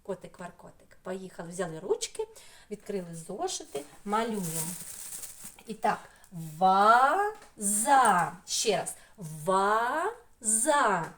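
A woman's voice: mid-range voice, very animated, normal speed, a little hiss or hum. A middle-aged woman from Ukraine teaching a remote phonics lesson to small children, drawing out and repeating sounds in a sing-song way. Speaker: preschool teacher. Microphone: computer mic in an online class.

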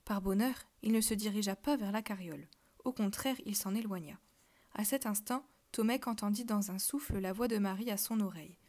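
A woman reading a children's novel aloud, telling the story softly and dropping to a whisper at tense moments. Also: mid-range voice, fairly quick. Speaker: reader.

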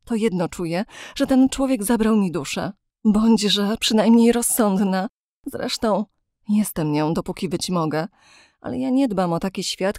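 A woman voicing a gentle young woman who turns defiant and bitter about love, speaking passionately. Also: medium pitch, no room sound, studio quality, lightly acted.

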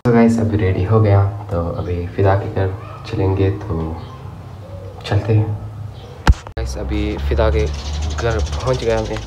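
Holding his phone at arm's length, a Persian-speaking teen boy chats to camera in a relaxed vlog, addressing viewers as "guys" despite a cold-induced sore throat. He speaks slowly with long pauses, his tone steady and his pitch lowish, against a noisy background. Filming moves between home rooms and outdoor spots.

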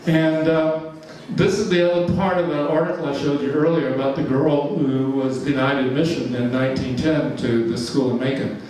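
This Georgia man in his seventies speaks in a medium, slightly mellow pitch with a steady tone, normal speed, and almost no pauses. He's giving an informal slide presentation in a big church hall, wandering off track, chuckling often, and filling gaps with fillers. The mic sits far away, so the hall sounds echoey.

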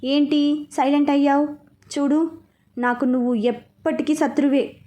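A woman's voice: high-pitched, flat delivery, measured pace, dark tone. A woman voicing a scheming, sarcastic middle-aged man in a read-aloud story. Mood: taunting. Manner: taunting, sarcastic.

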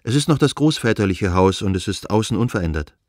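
A man's voice: lowish voice, lively intonation, fast, a little mellow, no echo, studio quality, natural voice. A male reader voicing Anna, a young noblewoman who talks eagerly and tenderly about her own happiness, in an audiobook reading. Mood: enthusiastic.

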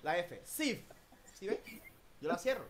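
Un profesor de inglés con acento latinoamericano en una clase en línea por videollamada, que corrige la pronunciación con entusiasmo y mezcla español e inglés. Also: male voice, high-pitched, unhurried. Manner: lively, drills pronunciation, mixes Spanish and English. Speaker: English teacher. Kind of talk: online class. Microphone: video call.

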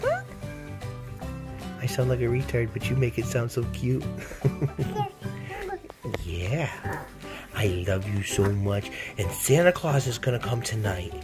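A man's voice: medium pitch, animated, unhurried, long pauses, loud music behind the voice. A father speaking baby talk to his infant son, doting and sing-song, repeating words over and over.

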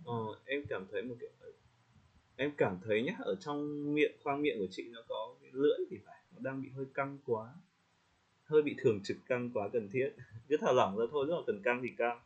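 A man coaching English pronunciation in casual spoken feedback, friendly, slowing down to demonstrate words and laughing lightly. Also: medium pitch, slightly rough. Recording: slightly dull lo-fi audio.

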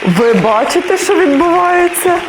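A middle-aged woman gives excited commentary as she plays a virtual reality conductor game, talking to viewers between exclamations. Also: extremely high pitch, normal speed, over a noisy crowd, very noisy. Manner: animated, exclamatory, talks to viewers while playing. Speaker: mother playing a VR conductor game. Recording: orchestral game music loud behind her.

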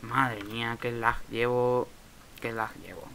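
A man's voice: medium pitch, flat delivery, takes it slowly, vocal fry, fairly bright tone, slight background noise, poor audio. A young man from Spain with a Spain Spanish accent, casually commenting on his own Minecraft game, muttering and swearing at lag. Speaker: Minecraft let's player.

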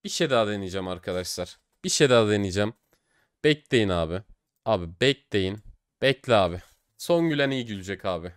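Excitable young man narrating case openings. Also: on the low side, brisk, smooth. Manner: excitable, swings from cheering to despair, swears. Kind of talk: gaming commentary.

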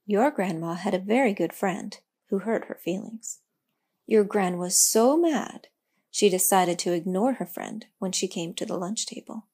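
Brief: a woman doing a wise, gentle old tree giving advice, soft and husky. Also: mid-range voice, unhurried. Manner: calm, gentle, reassuring.

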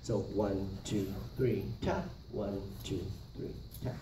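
A middle-aged man teaches a dance in a large carpeted indoor multipurpose room, giving short instructions and calling out the counted steps. His voice is fairly low and slow with fairly even intonation. A camera across the room picks it up, so the sound is roomy and distant with faint noise.

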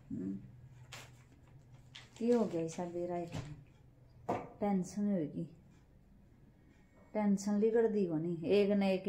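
A middle-aged woman with a Haryanvi accent, chatting casually to camera at home as a family vlogger. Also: mid-range voice. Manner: chatty, rambling, homely. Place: at home, indoors. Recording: echoey room with loud background noise and passing vehicles.

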